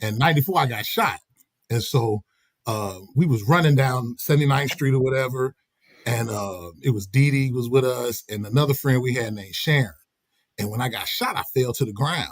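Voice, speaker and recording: A middle-aged man telling a casual, animated story on a podcast, laughing as he goes. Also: mid-range voice, moderate pace, dry recording. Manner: animated, laughing, slips into quoted voices. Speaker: podcast host.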